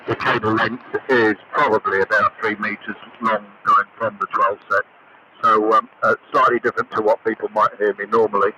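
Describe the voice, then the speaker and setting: A radio amateur talks in an unhurried, technical, halting way, his voice pushed through a gritty old carbon granule microphone. The shortwave AM signal is dull and muffled, sounds far off, and has a steady crackle of static behind it. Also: fairly low pitch. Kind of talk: ham radio net check-in chat. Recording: crackly distant AM shortwave broadcast.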